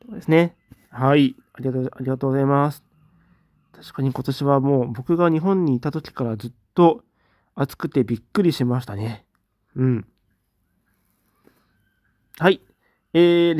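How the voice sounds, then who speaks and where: A man in a casual livestream, reading out viewer comments and giving short, relaxed replies. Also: on the high side, no room sound, clean studio sound. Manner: relaxed, reads comments aloud with brief replies.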